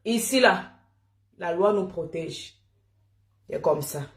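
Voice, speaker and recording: A woman from Cameroon tells a personal story in a lively, chatty way, often laughing and calling her listeners "mon frère". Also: lowish voice, slow, reverberant.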